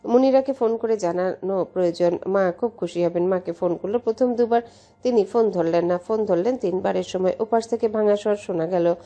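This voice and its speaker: A woman from Bangladesh narrating a romance story in a steady, measured way. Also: mid-range voice. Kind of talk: audiobook story reading.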